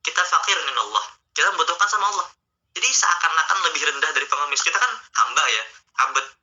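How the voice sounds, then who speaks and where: A male Islamic teacher talks his listeners through faith in a casual, coaxing way, addressing them directly. His voice is piercingly bright and tense. The sound is dull and lo-fi, like an online stream. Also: a little high, expressive, fast talker. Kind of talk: casual online religious talk.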